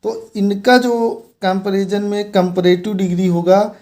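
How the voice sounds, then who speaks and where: A man teaching a grammar lesson at a very unhurried pace. His voice is mellow and dark, and he explains patiently. He points things out as he goes and repeats each key word. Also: high voice, fairly even intonation. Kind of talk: board-based grammar lesson.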